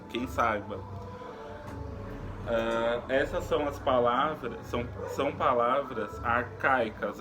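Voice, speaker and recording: A man teaching a recorded lesson in an unhurried, explaining way, pausing often with fillers and restarts. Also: medium pitch.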